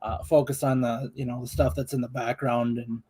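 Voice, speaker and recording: A man's voice: mid-range voice, level tone, moderate pace, warm tone, slightly rough. A man co-hosting a live stream in casual chat, talking in a rambling, hedging, conversational way.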